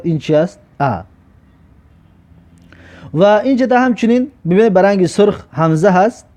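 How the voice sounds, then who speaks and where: High-voiced Tajik man teaching letters. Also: mellow. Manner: repeats each letter and word slowly, stretching syllables. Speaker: Arabic alphabet teacher. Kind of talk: slow drilled reading lesson. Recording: dull lo-fi recording.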